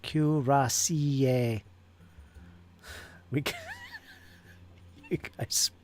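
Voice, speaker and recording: A man's voice: medium pitch, big pitch swings, a little slow, gravelly, slight background noise. A man hosting a miniature-painting stream, chatting casually and musing aloud over how words are pronounced. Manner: muses aloud over pronunciation, chatty and joking. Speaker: channel host painting miniatures. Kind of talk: casual chat while painting.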